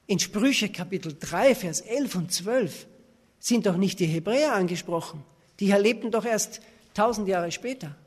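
A man's voice: high voice, lively intonation, unhurried. A man preaching a sermon, reading verses aloud and pressing his points with emphatic rhetorical questions. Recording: reverberant hall.

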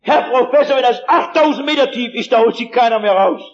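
A man acting out a joyful sixteen-year-old street boy inside a sermon, talking excitedly. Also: very high voice, a little fast, highs cut off, a little hiss or hum.

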